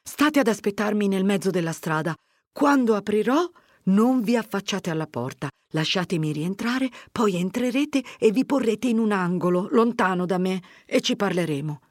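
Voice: mid-range voice, animated, no room sound, clean studio sound, voice pushed up, close to an everyday voice. A reader voicing an anxious older village mother who fires off worried questions. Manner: worried, pleading, rapid questions.

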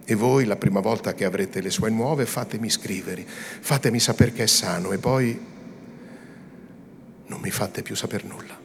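A man voicing a young devout woman who pleads softly and earnestly through tears. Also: lowish voice, moderate pace, creaky, a little hiss or hum. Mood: tearful pleading. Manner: soft, earnest and imploring.

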